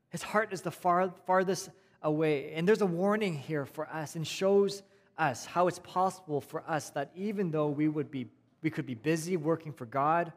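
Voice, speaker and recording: A man preaching a sermon in a conversational way, repeating phrases and swinging between raised emphasis and quiet, soft passages. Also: fairly high pitch. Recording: long hall reverb.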